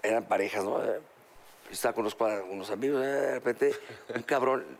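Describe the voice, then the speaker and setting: A man's voice: mid-range voice, fairly quick, creaky. A man hosting a comedy podcast, telling rambling, crude anecdotes. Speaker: host.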